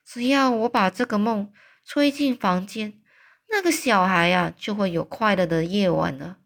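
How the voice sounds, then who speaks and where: A woman doing a dramatic, excitable friendly giant. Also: mid-range voice, a little slow, gravelly. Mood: delighted. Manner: loud exclamations, wailing cries. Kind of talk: storybook read-aloud.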